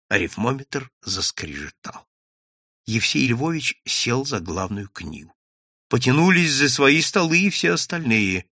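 A man reading a story aloud in a lively way, lifting his voice for the characters' lines. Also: no room sound, clean studio sound. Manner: lively, raises pitch and volume for characters' quoted lines. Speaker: audiobook narrator. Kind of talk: scripted narration with character voices.

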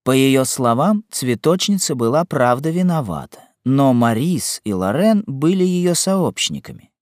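A man's voice: mid-range voice, no echo, clean studio sound. A man giving a scripted narration of a classic novel as an audiobook narrator. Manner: expressive, unhurried.

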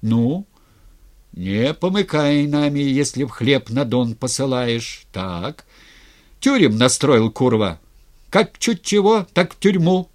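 A proud cossack ataman played by a man speaks up boldly and loudly. His voice swings with lively, raised pitch as he argues his case. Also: slow pace. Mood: defiant. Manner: loud, pleading then defiant.

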